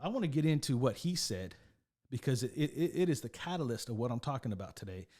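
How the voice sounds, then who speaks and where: A man in the middle of his pitch range talks through a sports news commentary, casual and unscripted. He circles back on his points, repeats phrases and keeps checking in with the listener. The delivery is loose and conversational. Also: sing-song, fast, a little mellow. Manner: conversational, repeats himself, keeps asking "right?".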